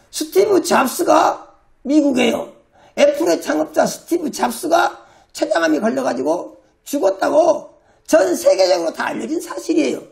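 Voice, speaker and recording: Pastor, healing sermon, emphatic, high-pitched, heavy vocal fry. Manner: emphatic, acts out quoted commands with shouting.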